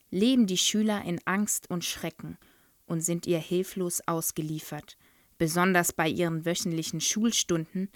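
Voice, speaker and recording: A woman presenting a children's book and reading from it in clear, even storytelling. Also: lowish voice, no echo, studio quality. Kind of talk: book presentation with read-aloud excerpt.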